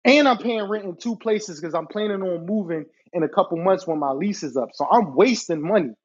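A man's voice: sits high, a little fast. A man hosting a podcast episode from his apartment, telling an exasperated, profane story and talking directly to his listeners. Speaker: podcast host. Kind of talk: storytime rant. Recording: dull lo-fi recording.

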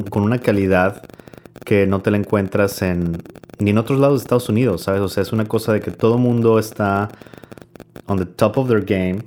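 A man's voice: on the low side, a little mellow, a little hiss or hum. A young man, an interview guest talking reflectively and rambling with many restarts. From Mexico. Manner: thoughtful, rambling, many restarts and filler tags.

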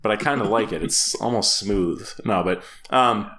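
A man's voice: on the low side, moderate pace, fairly bright tone. A man co-hosting a podcast in casual chat, laughing often and rambling with fillers and restarts. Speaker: podcast co-host.

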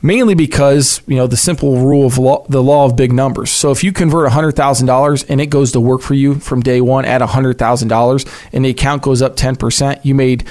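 A man's voice: mid-range voice, fairly even intonation, fairly quick, few pauses, a little mellow. An American man speaking as a financial advisor, explaining things conversationally in a folksy, plain-spoken way.

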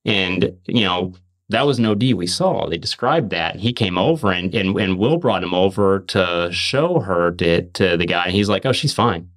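Deep-voiced and expressive, a man hosting a podcast relates an earnest faith testimony. He presses his points emphatically, talking fast and repeatedly restarting and echoing his own words.

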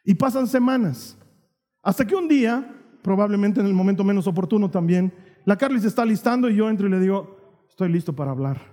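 A man's voice: sits high, a little fast, mellow, big-room sound. A man preaching a sermon as pastor, earnest and conversational, often checking in with the congregation.

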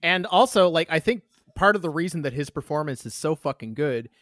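Man, casual film talk, measured and explanatory, dry mic. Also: a little high, lively intonation, fairly bright tone, dry recording.

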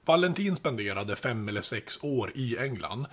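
A man hosting a podcast, telling history in a relaxed, chatty way with casual asides. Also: mid-range voice. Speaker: podcast host.

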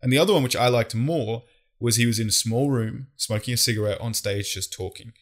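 A man's voice: medium pitch, brisk. A man in casual podcast chat, talking loosely with slang and frequent swearing.

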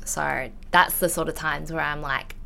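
Speaking as a podcast guest, this Australian-accented intellectual property investigator in her twenties chats openly and casually during an interview. She sits low in pitch, keeps a fairly even intonation and a measured pace, and has some vocal fry over background noise.

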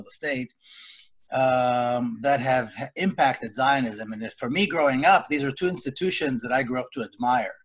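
A middle-aged man, speaking earnestly as a panelist in a webinar discussion. He talks deliberately, with frequent pauses and restarts. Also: medium pitch, a bit bright. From Israel. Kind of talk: personal account in a webinar discussion. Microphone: video call.

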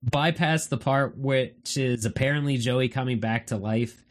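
Give me a relaxed man with a mid-range voice, chatting on a movie podcast and reading his notes. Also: medium pitch, unhurried. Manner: relaxed, reads from his notes, laughs easily. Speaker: podcast co-host. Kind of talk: casual movie review chat.

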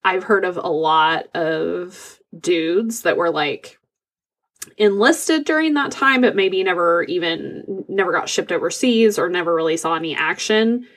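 A woman's voice: on the low side, measured pace, fairly bright tone. A woman co-hosting a podcast in casual, informal chat, reacting to a story as she listens. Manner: informal, interjects short reactions. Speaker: podcast co-host.

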